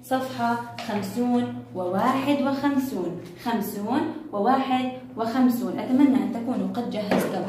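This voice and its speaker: A woman teaching a first-grade phonics lesson, drawing out syllables slowly and praising the children often. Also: on the high side, a little mellow. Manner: slow, drawn-out syllables with frequent praise. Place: classroom with a board. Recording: echoey room, distant mic, faint noise.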